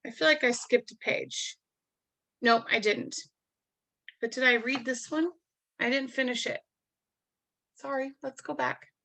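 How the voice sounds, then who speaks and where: Slow, bright-voiced woman reading aloud. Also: high-pitched, steady tone, creaky, rough recording. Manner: adds chatty explanatory asides between passages; marvels aloud in a gentle, teacherly way. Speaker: reader of a children's picture book. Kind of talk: reading a picture book aloud to children.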